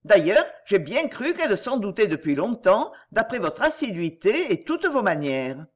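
A woman's voice: medium pitch, sing-song, normal speed. A woman reading the lines of an outspoken, fretful female companion in an audiobook. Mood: agitated. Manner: insistent, emotional.

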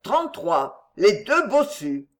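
A woman's voice: medium pitch, takes it slowly. A woman puts on an unflappable older man calling the numbers in short, solemn cries. He sounds utterly unmoved, with some lift still left in the calls. The audiobook keeps him plain. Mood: impassive. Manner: deadpan, calls numbers impassively. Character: terse bingo caller, older man.

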